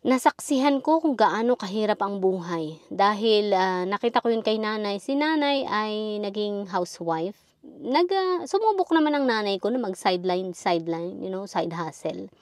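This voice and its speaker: A woman's voice: medium pitch, lively intonation, normal speed, darkish tone, no echo. A woman vlogger giving life advice in a lecturing, emphatic way, often checking in with her listeners. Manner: lecturing, keeps asking "okay?"; repetitive, emphatic. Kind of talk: casual advice monologue.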